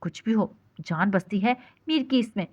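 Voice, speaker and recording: A woman's voice: mid-range voice, moderate pace, a little mellow, breathy edge, close to an everyday voice. A woman voicing a naive, tearful young bride who talks in a childlike, pleading and stubborn way. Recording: dull lo-fi recording.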